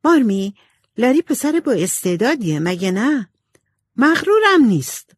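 A woman voicing a spoiled, proud young girl in an audiobook, with a high, whiny girlish voice. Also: sing-song, slightly rough, dry recording. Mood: eager.

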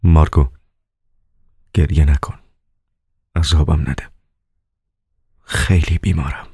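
A frightened, sick writer who speaks weakly in a deep, dark voice, as a male narrator plays him. The recording is dry and close, like a storybook reading. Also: dry recording. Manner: weak, fearful.

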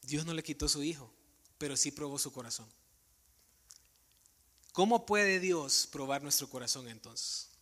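A male preacher delivers an earnest sermon, putting searching questions straight to his congregation. His voice sits a touch high and rings bright and sharp. The sound carries a long reverb, as from a big church sanctuary. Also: a little slow, pauses often.

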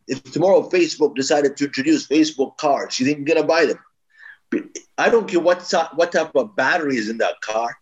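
A man's voice: fairly high pitch, a little fast, dull audio. Emphatic man explaining branding. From East Africa. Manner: emphatic, advising, with frequent restarts. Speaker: branding expert guest. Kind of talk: explanatory interview talk.

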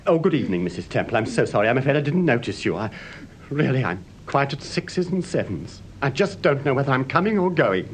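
An actor playing a flustered, fretful gentleman. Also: medium pitch, very animated, brisk, lightly acted, low-quality recording. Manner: fretful, melodramatic and breathless. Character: nervous fussy gentleman, shaken after an attack. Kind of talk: 1950s radio drama acting. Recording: old radio play with faint hiss.

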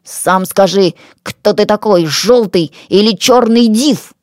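A woman's voice: medium pitch, slow, darkish tone, no echo, studio quality, lightly acted. A woman voicing a bold village boy who bosses people around while pretending to be a demon. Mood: commanding. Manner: commanding, gruff.

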